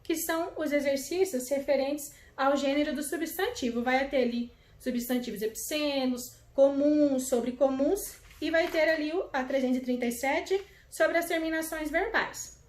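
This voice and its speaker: A woman's voice: high voice, reverberant. A Brazilian woman teaching a video lesson to young children, explaining patiently and affectionately. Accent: Brazilian Portuguese. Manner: affectionate, explaining slowly with fillers. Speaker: primary school teacher.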